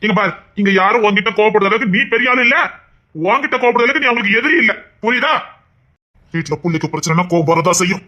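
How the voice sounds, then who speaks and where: A man's voice: high voice, expressive, fast talker, pushed and bright, highs cut off. A man in a Tamil drama playing the head of a household who scolds and gives orders. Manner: scolding, domineering. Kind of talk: Tamil serial-style drama acting.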